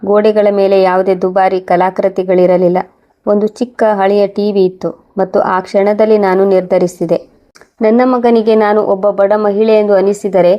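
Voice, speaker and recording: A woman telling a moral story as scripted first-person narration, calm and measured. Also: medium pitch, highs cut off.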